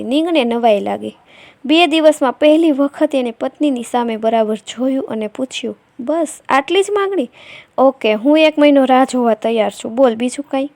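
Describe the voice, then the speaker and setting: A woman tells a scripted family story in a high voice with a steady, even pace. The recording is dry and close, with no room echo.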